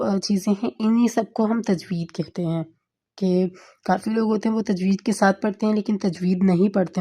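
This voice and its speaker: Mellow-voiced woman teaching tajweed. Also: medium pitch. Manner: patient, repeats "theek hai" often; slows down to recite Quranic verses. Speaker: Quran tajweed tutor. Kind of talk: explaining a tajweed lesson.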